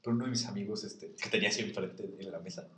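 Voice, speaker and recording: A man's voice: lowish voice, rapid-fire, fairly bright tone, recorded from a distance, a little hiss or hum. A young man with a Mexican accent telling funny anecdotes in a casual chat, laughing often and mimicking people in his stories. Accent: Mexican Spanish. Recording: echoey room, voice a bit off-mic.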